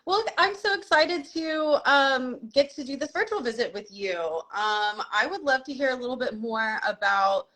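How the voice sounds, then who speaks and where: A woman's voice: high voice, expressive, normal speed, hardly any pauses, bright, forceful tone. Young woman hosting a live video call chat, friendly, says um a lot. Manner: friendly, filler-heavy, hesitant. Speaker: host. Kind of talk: live stream interview hosting.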